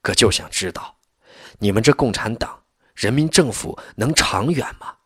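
A man's voice: mid-range voice, animated, normal speed, fairly bright tone, husky, dry recording, clean studio sound, voice pushed up. A man doing a wary poor peasant. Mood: earnest. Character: poor middle-aged peasant man, wary but warm.

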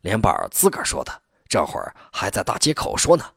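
A man's voice: on the low side, wildly swooping pitch, brisk, gravelly, slightly rough, dry recording, studio quality, full character voice. A man voicing an eager militiaman who reports news in a hurry. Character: eager young male militiaman.

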